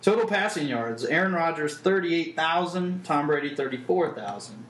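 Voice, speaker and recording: Man, podcast co-host, deadpan stat reading, echoey room, faint hiss. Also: fairly high pitch, moderate pace. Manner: reads stats in a deadpan list. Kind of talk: casual podcast chat.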